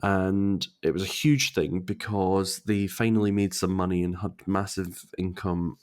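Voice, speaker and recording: A man co-hosting a podcast, chatting casually in a rambling way with restarts and sudden bursts of excitement. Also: low-pitched. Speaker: podcast co-host. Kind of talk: casual chat.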